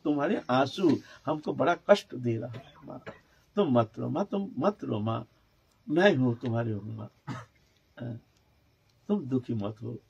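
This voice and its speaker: A man voicing a young boy who gently pleads with his weeping mother not to cry, in a soft, tender manner. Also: a little high, breathy edge, no room sound, heavily acted.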